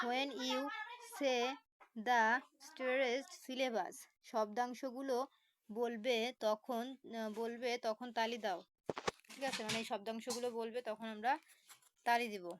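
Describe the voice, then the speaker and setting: Slow, patient woman teacher spelling words. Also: on the high side, slight background noise, low-quality recording. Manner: spells words letter by letter, slow explanations with many fillers. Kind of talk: online lesson explaining a textbook.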